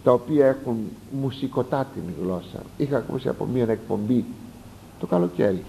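A man preaching a sermon, reading passages aloud and explaining them with lively asides and sudden rises for emphasis. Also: medium pitch, gravelly, slight background noise, rough recording. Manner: animated, rising sharply for emphasis, explanatory asides. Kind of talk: sermon expounding a text.

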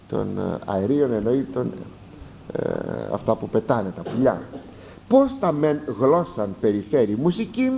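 A man preaching a sermon, reading passages aloud and explaining them with lively asides and sudden rises for emphasis. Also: medium pitch, a little hiss or hum, rough recording. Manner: animated, rising sharply for emphasis, explanatory asides. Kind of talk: sermon expounding a text.

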